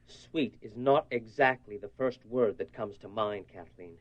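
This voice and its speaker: In a radio horror play heard on a dull lo-fi recording, a man voices a short-tempered husband worried about his obsessed wife. He sounds exasperated and angry, blunt and argumentative, with a lowish voice at a slightly slow pace.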